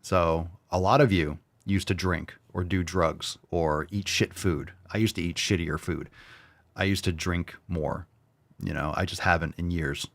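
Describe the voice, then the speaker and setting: On a motivational livestream, a fitness show host in his forties reads viewer comments and bluntly pushes people to work out, swearing freely. His voice sits low and creaky with fairly even intonation and a measured pace, in a dry recording.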